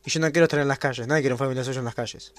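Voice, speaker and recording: A man's voice: medium pitch, fairly even intonation. A young Argentine man chatting casually on a podcast, joking in a blunt way. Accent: Argentine Spanish. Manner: jokey, blunt, fast-talking.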